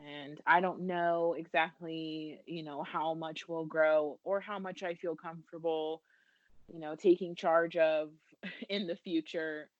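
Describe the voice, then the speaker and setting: In a podcast interview, a business founder from the United States in her thirties speaks casually and earnestly, poking fun at herself and laughing now and then. She has a low voice, and the recording has no room sound and cut-off highs.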